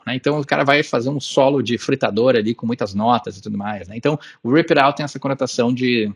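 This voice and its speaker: A man with a Brazilian Portuguese accent, hosting a channel and casually explaining song lyrics, often tagging his phrases with a question and reading English lines out slowly. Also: mid-range voice, husky.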